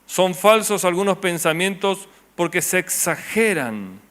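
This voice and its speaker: Male pastor, Rioplatense accent, sermon delivery; higher-pitched, drops to soft low tones for emphasis. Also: very animated, unhurried. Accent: Rioplatense Spanish. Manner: rhetorical questions to the congregation, voice dropping low and soft on key words.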